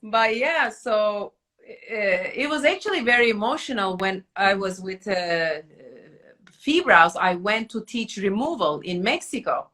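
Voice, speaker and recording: A middle-aged woman with a Turkish accent hosts a casual chat, her pitch swinging widely as she tells stories. Her English is a little broken, and her tone is bright and forceful. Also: unhurried. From Turkey. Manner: animated storyteller, slightly broken English. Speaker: podcast host.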